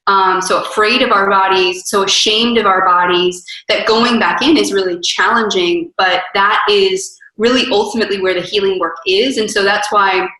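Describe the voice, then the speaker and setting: A woman's voice: medium pitch, steady tone, moderate pace, few pauses, bright, forceful tone. Earnest woman coach in an echoey room. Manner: earnest, emphatic, speaks in lists. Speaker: wellness coach, podcast guest. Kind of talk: casual interview conversation.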